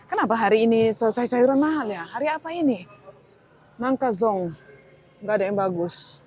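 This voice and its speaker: A woman's voice: on the high side, animated, normal speed, darkish tone, low-quality recording. Chatty woman vlogging in a supermarket. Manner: chatty, thinking aloud while shopping, exclaiming at prices. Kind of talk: casual shopping vlog narration. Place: supermarket, indoors.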